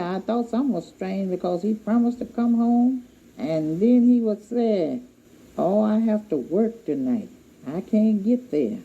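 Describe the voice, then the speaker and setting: Older lady telling a long family story, husky and mellow, dull lo-fi old tape sound. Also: mid-range voice. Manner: rambling, heartfelt storytelling with quoted dialogue. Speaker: interviewee recounting family memories. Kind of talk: casual spoken recollection. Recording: dull lo-fi archival recording.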